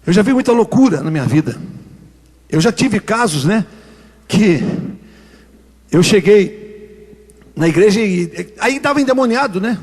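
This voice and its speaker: Husky high-voiced pastor preaching. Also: male voice, expressive, measured pace, long pauses, darkish tone. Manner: emphatic, repetitive, storytelling preacher. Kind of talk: preaching sermon. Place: church sanctuary. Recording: long hall reverb in church.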